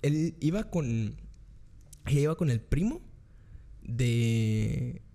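A young man with a Guatemalan Spanish accent telling a story in casual chat, acting out his own reactions in high squeals. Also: expressive, takes it slowly, vocal fry, mellow.

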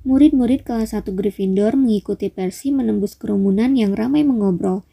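A woman reads a storybook aloud at a steady, measured pace. Her voice is dark and mellow, with a gravelly edge and a husky grain. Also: mid-range voice. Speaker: audiobook narrator. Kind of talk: audiobook narration.

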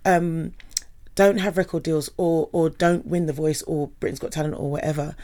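A woman talking casually as a guest, animated and laughing often, with many asides. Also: low voice, normal speed. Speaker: guest singer. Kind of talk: casual podcast chat.

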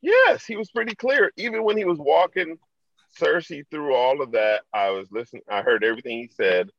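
A man's voice: expressive, brisk, fairly bright tone, no room sound, dull audio. A man co-hosting a podcast, chatting casually in a teasing, incredulous way. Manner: incredulous, teasing, jumps to high squeaks. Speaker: podcast co-host. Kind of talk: casual chat.

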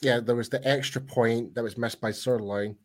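A man co-hosting a casual sports fan podcast, talking in an animated, rambling way and laughing easily. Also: medium pitch, normal speed. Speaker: podcast co-host.

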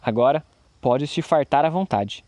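A man voicing an older, hot-tempered tailor who shouts indignantly. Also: a little high, lively intonation, moderate pace, dry recording, lightly acted. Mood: coaxing.

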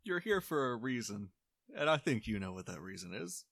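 A man's voice: fairly low pitch, very animated, moderate pace, gravelly, a bit bright, dry recording, studio quality, heavily acted. A man voicing a hostile, mocking male town guard in a tabletop game, talking in a sneering, threatening way.

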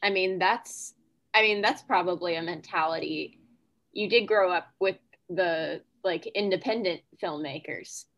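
A woman's voice: lowish voice, a little slow, a bit bright. A woman hosting an interview, mostly answering with short encouraging replies and brief comments. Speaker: podcast host. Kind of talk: interview chat.

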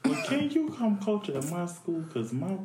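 A man's voice: high voice, big pitch swings, unhurried. A man co-hosting a casual podcast, making dry joking asides. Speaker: podcast co-host and school teacher. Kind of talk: casual chat. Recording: echoey room with loud noise.

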